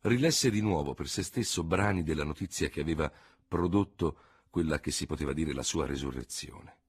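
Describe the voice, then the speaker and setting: Male narrator, low husky voice, measured dramatic storybook reading. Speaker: audiobook narrator. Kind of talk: scripted narration.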